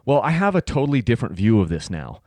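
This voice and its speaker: A man's voice: mid-range voice, big pitch swings, fast, dark tone, no echo, clean studio sound. A man in his late thirties hosting a solo podcast, talking casually in a rambling way with many fillers and restarts. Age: 30s. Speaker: podcast host.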